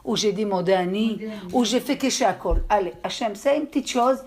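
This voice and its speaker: A woman with an accent giving a religious lesson to a group, telling stories in a halting way and often checking that her listeners understood. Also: mid-range voice, a little mellow, a little hiss or hum. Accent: speaks with an accent. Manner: storytelling, with halting restarts. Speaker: religious teacher. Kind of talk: lecture to a group.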